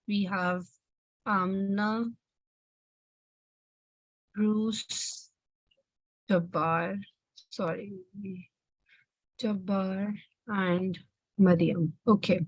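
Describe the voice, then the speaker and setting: A woman's voice: medium pitch, fairly even intonation, drawn-out words, pauses often, no room sound, rough recording. A woman hosting an online volunteer coordination call over a video call, talking casually with many fillers and restarts. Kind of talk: casual online meeting talk.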